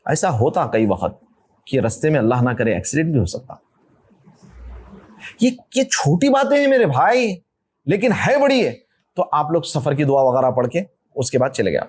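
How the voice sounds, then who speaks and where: A man with a South Indian Hindustani accent, leading a marriage workshop as an informal religious talk, conversational and animated, teasing his listeners and acting out quick voices. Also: on the high side, husky.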